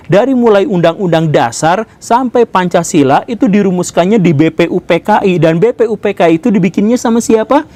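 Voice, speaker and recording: Guy doing a cocky japanese man scolding someone, highish voice, dry sound, lots of rhetorical questions. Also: a little mellow, dry recording. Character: indignant Japanese man, boastful and lecturing.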